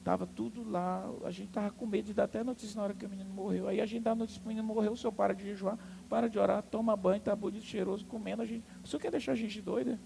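A man preaching voices anxious palace servants who talk fast and sound exasperated and incredulous. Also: sits high, steady tone, vocal fry, noisy background, voice pushed up. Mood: baffled.

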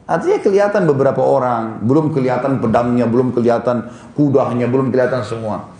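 A man's voice: medium pitch, fast talker, warm tone, echoey room. A man preaching in a casual storytelling way, pointing out places on a drawing and correcting himself as he goes. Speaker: Islamic preacher. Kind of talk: storytelling religious lecture.

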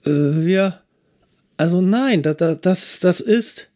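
A woman's voice: on the low side, lively intonation, takes it slowly, warm tone, voice pushed up. A man voicing a cheeky young female police trainee who mocks her boss. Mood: flustered. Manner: sassy, mocking. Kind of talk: audiobook acting.

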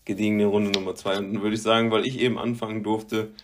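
A man's voice: on the low side, flat delivery, fast talker. Hesitant young man giving clues. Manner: hesitant, searching for words. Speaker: quiz-giving player. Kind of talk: casual chat.

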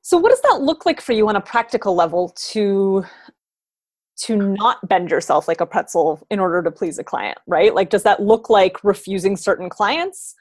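A woman's voice: mid-range voice, animated, normal speed. Curious woman interviewer, conversational. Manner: curious, loses her thread and rephrases.

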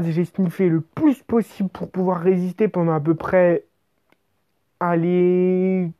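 A woman with a fairly low voice rambles through an absurd first-person comic story. She uses loose, slangy phrasing and keeps restarting her sentences. The sound is dry and a bit dull. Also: dry recording.

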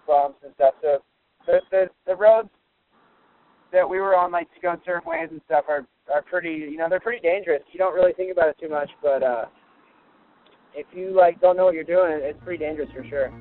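A man's voice: on the high side, steady tone, moderate pace. A man in his twenties from Virginia, casually telling a story over the phone, loose and rambling with lots of restarts. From Virginia, USA. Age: 20s. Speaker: guest surfer telling a story. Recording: tinny telephone line.

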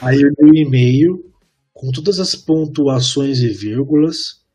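A man, telling a work story in a casual podcast chat and acting out the dialogue with animated energy. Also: medium pitch, a little slow, slightly rough, faint music behind. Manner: animated, acts out quoted dialogue. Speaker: podcast co-host.

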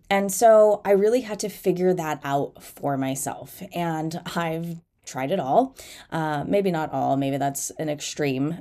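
A woman's voice: low voice, dark tone. A woman in her thirties with a nasal, head-cold voice, chatting informally and candidly as a solo podcast host. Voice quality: nasal, congested. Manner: informal, candid, self-deprecating. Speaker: podcast host and fitness coach.

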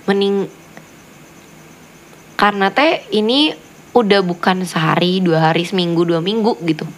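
A woman's voice: lowish voice, unhurried. A woman chatting casually, giving a friend earnest advice in long run-on stretches. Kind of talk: casual chat.

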